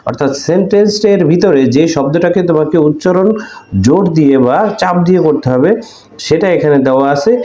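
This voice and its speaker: Man teaching slowly in an echoey room. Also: a little high, mellow, a little hiss or hum. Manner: explains in Bengali, reading English sentences slowly with deliberate stress; hesitant fillers between phrases. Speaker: English teacher. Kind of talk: recorded classroom-style lesson explaining a textbook.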